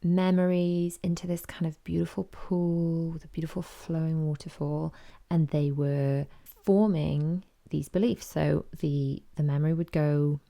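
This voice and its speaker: A woman's voice: low-pitched, fairly even intonation, measured pace, creaky, dark tone. A woman, hosting a podcast and chattily retelling a story with quoted voices. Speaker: podcast host. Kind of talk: casual chat.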